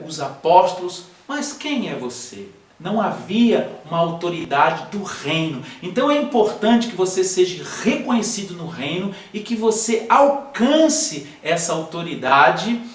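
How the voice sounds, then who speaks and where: A man's voice: high voice, roomy sound, distant mic. A man teaching a church class on healing in a conversational sermon style, speaking directly to the listener. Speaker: pastor teaching a healing school.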